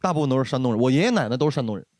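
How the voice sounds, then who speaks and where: A man's voice: medium pitch, animated, rapid-fire, darkish tone, dry recording, clean studio sound. A man from Northeast China with a Northeastern Mandarin accent, a guest comedian chatting and joking on a comedy podcast, laughing often. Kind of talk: casual comedy podcast chat.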